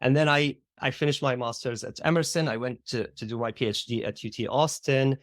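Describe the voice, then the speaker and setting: A man's voice: medium pitch, steady tone, a little fast, dry recording, clean studio sound. A middle-aged man from Syria with a Syrian Arabic accent, reflectively telling his story in an interview and often adding "like" and "right?". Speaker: guest, theater educator. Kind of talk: conversational interview.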